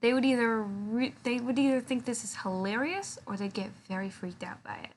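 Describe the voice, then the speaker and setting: A woman's voice: fairly high pitch, fairly quick. A woman chatting casually and playfully on a live stream, talking with a sore jaw that she can't open far after dental surgery. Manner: playful, giggly. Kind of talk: casual chat. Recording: noticeable background noise.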